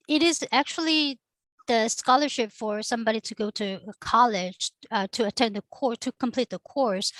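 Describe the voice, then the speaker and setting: A woman's voice: fairly high pitch, no room sound. Korean-accented woman telling her story. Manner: earnest storytelling with frequent fillers. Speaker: catering company founder, guest. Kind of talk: panel discussion.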